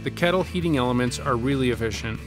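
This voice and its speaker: Man, 40s, home brewer; measured scripted narration over guitar music. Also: medium pitch.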